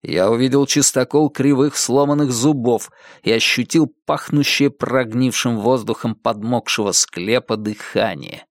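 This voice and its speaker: A man's voice: mid-range voice, unhurried, few pauses, dry recording, clean studio sound. A man reading first-person narration for an audiobook, in a tense, dramatic storytelling manner.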